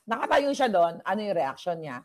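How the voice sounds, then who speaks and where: A woman vlogger telling a story in a casual, animated, gossipy way, mixing in English phrases and often laughing between lines. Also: fairly low pitch.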